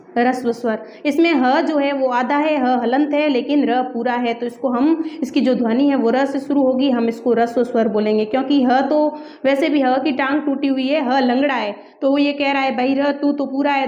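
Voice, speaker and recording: High-voiced woman teaching a lesson in a roomy space. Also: darkish tone. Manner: explains step by step, often addresses students and answers her own questions. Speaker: Hindi teacher. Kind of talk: classroom lesson. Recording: dull, roomy recording.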